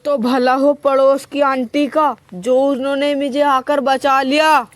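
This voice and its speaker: A woman voicing a nagging, shouty old mother-in-law in a comedy skit. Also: high voice, little pitch movement, takes it slowly, dry recording. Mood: complaining. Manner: loud, nagging, scolding.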